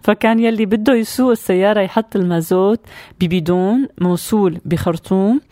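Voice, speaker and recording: A woman with a Syrian Arabic accent co-hosting a show in casual, chatty storytelling, often pausing to think aloud. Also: medium pitch, mellow, dry recording, studio quality. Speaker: co-host of a show about Syrian towns. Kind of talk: casual conversational storytelling with co-host.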